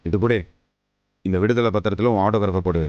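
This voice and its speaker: A man's voice: lowish voice, quick pace, dull audio, slight background noise, close to an everyday voice. A man playing a smug, gloating husband. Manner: boastful, teasing, smug. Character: cocky gloating man, taunting his wife. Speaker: actor in a TV serial. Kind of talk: TV serial acting.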